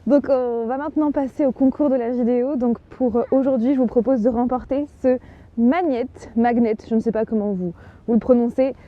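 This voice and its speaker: A woman's voice: fairly high pitch, steady tone, brisk, phone-quality sound. A woman narrating a casual travel vlog in a chatty, enthusiastic way, with many fillers. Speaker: travel vlogger.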